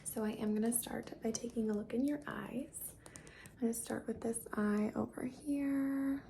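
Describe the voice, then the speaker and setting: A woman in an ASMR role-play as a caring doctor, speaking softly and breathily with gentle reassurance. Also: on the high side, steady tone, moderate pace, a little hiss or hum. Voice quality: breathy, soft. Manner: soft-spoken, gentle, reassuring, soft-spoken. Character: caring, reassuring female doctor giving a check-up. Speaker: ASMR performer playing a doctor.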